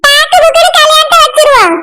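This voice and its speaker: A woman voices an eager, insistent groom's mother in a cartoon, talking persuasively in a Kanyakumari accent. Her voice is pitched extremely high. Loud noise sits under the recording. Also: quick pace. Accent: Kanyakumari Tamil. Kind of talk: cartoon voice acting.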